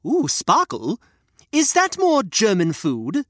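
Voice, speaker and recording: A woman voicing a daft, excitable old man who keeps breaking into the story with silly questions. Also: medium pitch, slow, no room sound, clean studio sound, pitched above the performer's own voice, exaggerated voice.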